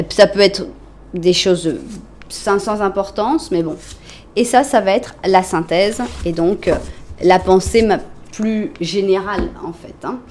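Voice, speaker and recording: A tarot reader with a mid-range voice reads cards for an online audience in a relaxed, chatty style, full of fillers and self-corrections. She addresses the listener directly, sounding gentle and reassuring.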